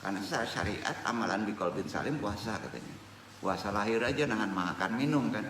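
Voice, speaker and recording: A man's voice: lowish voice, brisk, a little hiss or hum. An older man giving an informal religious study lecture, joking and quizzing his listeners. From West Sumatra, Indonesia. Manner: animated, joking, quizzes the audience. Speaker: religious teacher. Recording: echoey hall recorded from a distance.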